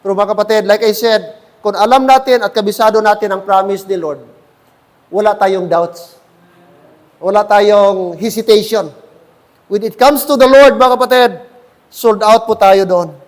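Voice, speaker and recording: A man's voice: sits high, steady tone, normal speed, long pauses, in a large hall. A man with a Filipino accent preaching a sermon as pastor, switching between Tagalog and English and often calling out to the congregation. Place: church.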